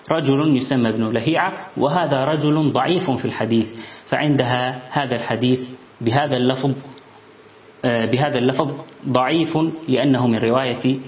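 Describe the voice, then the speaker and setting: Man teaching a text, roomy lo-fi sound. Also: medium pitch. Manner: measured, explanatory, pauses with fillers. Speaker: Islamic studies teacher. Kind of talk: explanatory lesson, reading a text and commenting.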